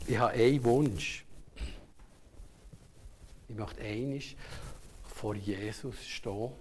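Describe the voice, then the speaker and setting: An older man with a Swiss German accent preaching a sermon, telling a personal story earnestly and often sinking to a hushed near-whisper. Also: fairly low pitch, slow pace, slight background noise.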